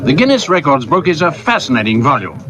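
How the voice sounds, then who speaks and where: Old newsreel narrator, a man, over loud music. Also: fairly high pitch, sing-song, quick pace. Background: loud music under the narration.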